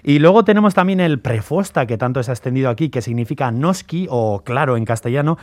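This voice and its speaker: A man explains pronunciation patiently, giving example after example. His voice sits at a middle pitch and sounds close and dry, with little room around it. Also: expressive, fast, no room sound. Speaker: radio language segment contributor. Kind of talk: explanatory radio chat.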